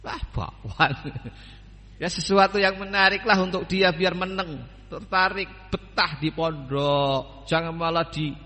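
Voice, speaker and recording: A man's voice: mid-range voice, sharp tone, slight background noise. A man giving a religious study lecture, speaking unhurriedly and addressing his students directly with homely examples. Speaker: religious teacher. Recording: long hall reverb.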